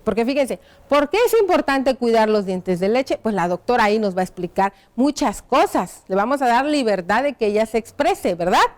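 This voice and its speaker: A woman teaching a primary school lesson on television, dictating slowly as she writes on a board and checking in with the children through frequent tag questions. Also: on the high side, lively intonation. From Mexico. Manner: slow, careful dictation while writing on a board.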